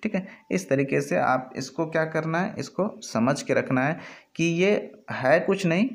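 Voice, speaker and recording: A man's voice: mid-range voice, darkish tone. A man with a Hindi accent teaching an English grammar lesson over slides, explaining step by step and often checking in with his students. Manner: explanatory, repeats "ठीक है" often.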